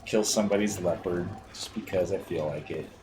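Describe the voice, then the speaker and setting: A man commentating his gameplay on a livestream, muttering to himself and cursing at the game. His voice sits low, with steady background noise on the stream audio. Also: a little fast.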